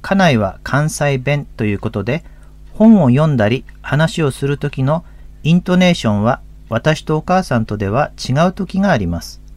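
Lively Tohoku-accented male pastor. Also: mid-range voice, moderate pace, no echo. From Akita, Japan. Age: 50s. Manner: folksy, chatty storyteller. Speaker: pastor and radio host. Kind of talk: religious radio talk.

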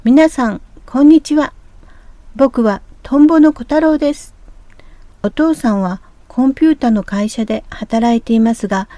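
A woman's voice: fairly high pitch, normal speed, mellow, dry recording, close to an everyday voice. A woman voicing a cheerful, curious young boy dragonfly in a storybook reading, with a childlike, eager manner. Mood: chatty.

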